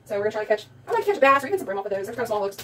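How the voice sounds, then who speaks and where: This vlogger's voice is fairly high and sing-song, and she speaks rapid-fire. She's a young woman with a South Louisiana accent, chatting and rambling through a haul video at home with lots of ums. The phone camera sits back on a table in a small room, picking her up from a distance with faint room noise.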